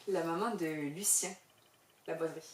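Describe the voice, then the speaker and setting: A woman hosting an interview, asking questions with quick, friendly, joking replies. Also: sits low, crowd noise. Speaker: interviewer and show host. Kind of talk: casual interview chat. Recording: roomy sound from a distant mic.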